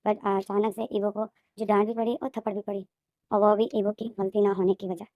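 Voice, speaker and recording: A woman narrating a fan fiction story recap in a brisk, repetitive storytelling manner. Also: mid-range voice, little pitch movement, dry recording, muffled recording.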